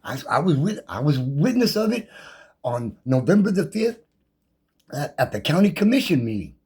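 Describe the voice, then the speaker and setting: Defiant man ranting, husky and animated. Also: fairly high pitch, normal speed. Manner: combative, defiant, rattles off legal code numbers; loose, repetitive, slangy and profane. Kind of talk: impassioned monologue rant.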